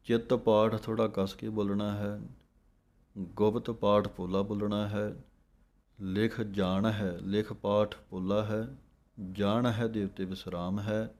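Slow, low-voiced man teaching recitation. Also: little pitch movement, darkish tone. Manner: recites verses slowly and drawn out, then explains. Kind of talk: slow recitation lesson with pronunciation notes.

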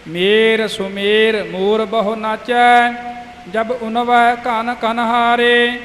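A man reciting scripture in a slow, steady chant. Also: high-pitched, roomy sound, big-room sound, slight background noise.

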